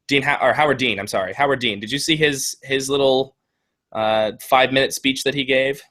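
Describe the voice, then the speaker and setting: A man's voice: mid-range voice, fairly quick, fairly bright tone. A man co-hosting a casual political podcast, chatty and telling stories with acted-out quotes. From California. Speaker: podcast co-host.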